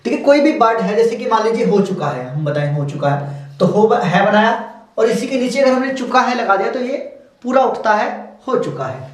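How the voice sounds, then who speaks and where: A man with a high voice teaches shorthand, repeating and slowly stretching out example words. He sits some way from the microphone, and the room rings with strong echo. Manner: slow, repetitive, drawn-out word demonstrations. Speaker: stenography teacher. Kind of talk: explaining steno outlines. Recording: echoey room, far from mic.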